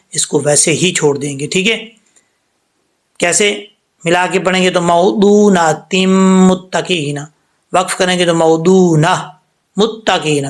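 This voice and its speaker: A man. He explains each rule step by step in a patient, steady way. Then he draws each word out slowly for students to copy. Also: high-pitched. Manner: explains rules patiently, then slowly recites words aloud. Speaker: Quran tajweed teacher. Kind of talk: word-by-word recitation lesson.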